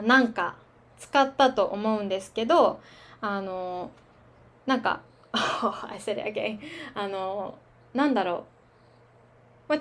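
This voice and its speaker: A woman teaching Japanese filler words in a relaxed, chatty podcast lesson, laughing at her own fillers. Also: mid-range voice. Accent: standard Japanese. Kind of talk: slow casual language lesson.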